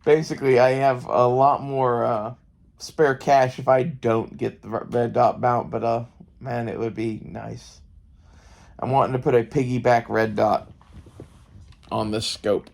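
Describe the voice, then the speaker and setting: A man's voice: mid-range voice, steady tone, a little slow, gravelly, darkish tone. An American man in a casual, rambling monologue, thinking aloud and swearing freely. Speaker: gun hobbyist vlogger. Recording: faint background noise. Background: faint ambient noise.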